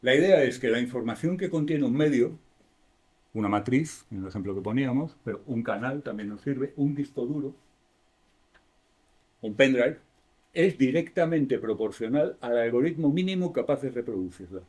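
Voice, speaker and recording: A man's voice: medium pitch, lively intonation, moderate pace, a little mellow. A man with a Spanish accent giving a university lecture in a classroom, explaining step by step, asking the class questions and correcting himself as he goes.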